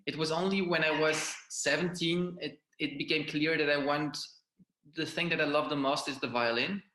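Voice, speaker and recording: A young Belgian man talks about his training in a bright, forward voice. He speaks haltingly, restarting his phrases often. The room around him rings with noticeable echo. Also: a little high, fairly even intonation, slight background noise. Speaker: violinist guest. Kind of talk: interview conversation. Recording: roomy echo.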